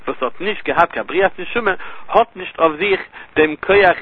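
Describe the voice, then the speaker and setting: A man's voice: high voice, normal speed, husky. A man with a Yiddish accent teaching a Talmud lesson, reasoning through sources in a sing-song study cadence and mixing in Hebrew terms. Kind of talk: Talmudic lecture. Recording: tinny lo-fi phone-line audio.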